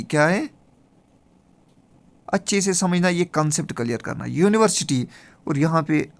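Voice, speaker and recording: A male teacher from Kashmir gives a grammar lesson over slides, asking questions and answering them himself while repeating key words step by step. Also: on the high side. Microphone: screen recording with slides.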